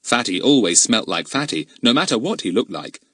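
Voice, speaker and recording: A man narrating a children's storybook audiobook in an expressive, animated reading with a husky voice. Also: lowish voice, a little fast, no room sound, studio quality.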